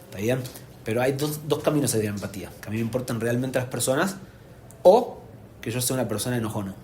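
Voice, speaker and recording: Un hombre de acento enseña como rabino ante padres, con voz de altura media y un tono explicativo y vivo, sobre un leve murmullo de sala. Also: male voice, mid-range voice, fast talker, slight background noise. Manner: animated, explanatory, asks "¿se entiende?" often. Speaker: rabbi teaching parents. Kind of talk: live lecture to an audience. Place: community hall with an audience.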